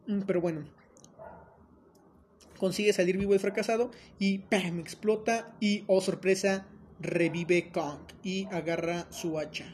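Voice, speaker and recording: A man's voice: high voice, unhurried, slight background noise. A man with a Mexican accent hosting a casual film recap, joking and telling it with lots of fillers. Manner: joking, animated storytelling with many fillers.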